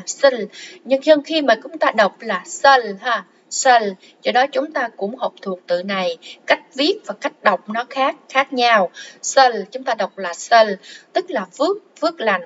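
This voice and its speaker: A woman with a slightly high voice teaches a language lesson, going through song lyrics one word at a time. She repeats each term slowly and patiently, with plenty of fillers. The recording is dull and lo-fi with a faint hiss behind her.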